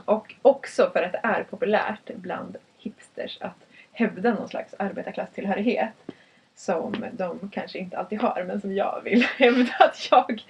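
Husky young woman, distant and muffled. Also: mid-range voice, a little mellow. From northern Sweden. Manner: reflective, laughs often, trails off in restarts. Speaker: podcast co-host. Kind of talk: casual chat.

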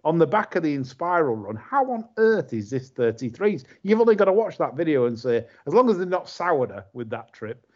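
A man hosting a casual podcast chat, talking in animated, exasperated bursts. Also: fairly high pitch, fairly quick, few pauses. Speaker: podcast host. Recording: slightly muffled audio.

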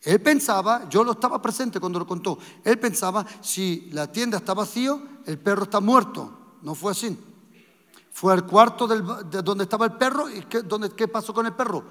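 Male preacher, high gravelly voice, animated loud sermon storytelling; long hall echo. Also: moderate pace. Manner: loud, emphatic storytelling to a congregation. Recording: long reverb of a large hall.

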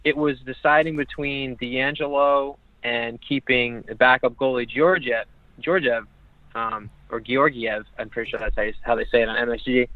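A man's voice: mid-range voice, dry recording. A man chatting casually about hockey as a podcast co-host, rambling and leaning on filler words. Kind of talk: casual sports chat. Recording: tinny phone-like line, dry.

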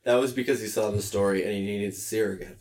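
A man's voice: lowish voice, fairly even intonation, fast talker, a little mellow. A man in casual conversation, blunt and cursing as he argues his point. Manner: blunt, swears, argues strongly. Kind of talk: casual chat.

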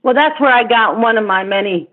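A woman's voice: a little high, fairly quick. Middle-aged woman on a tinny phone line. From born in Vietnam, raised in Asia and Africa. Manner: thoughtful, with frequent restarts and light laughs. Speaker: interview guest. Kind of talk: casual interview over a phone line.

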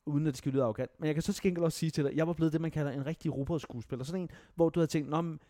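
A young man from Denmark telling stories in a casual chat, animated, swearing and mocking himself. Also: on the high side, no echo, clean studio sound. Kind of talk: casual podcast storytelling.

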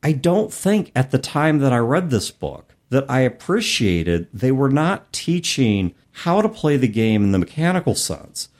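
Here a middle-aged man hosting a podcast gives chatty, emphatic commentary on tabletop gaming, often listing words one by one for effect. His mid-range, slightly mellow voice has big pitch swings, a slightly slow pace, and hardly any pauses.

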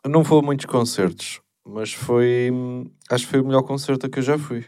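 A man's voice: mid-range voice, fairly quick, a little mellow. A man chatting casually as a podcast host, informal and slangy, often hesitant. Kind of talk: casual chat.

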